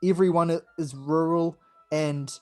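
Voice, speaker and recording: With soft background music playing, a man from New Zealand casually reads game text as a let's play co-host, joking with his friends on the podcast and laughing between lines in a relaxed way. He has a fairly high pitch and an unhurried pace.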